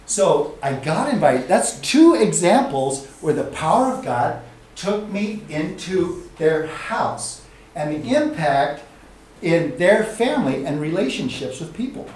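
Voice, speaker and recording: A man teaching a group through a personal story, slipping into the voices of the people he describes. His voice sits a little high and moves a lot. He is recorded from a distance in a very echoey room with a faint hiss underneath. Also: takes it slowly. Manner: acts out quoted dialogue with lively swings in pitch. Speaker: teacher leading a ministry training session. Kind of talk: animated storytelling lesson.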